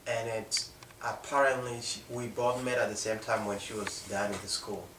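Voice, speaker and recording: In a reverberant room with faint background noise, a distant mic records a young South Sudanese-accented man telling his own story unscripted. His low voice is flat in delivery, and he stops short of finishing many sentences.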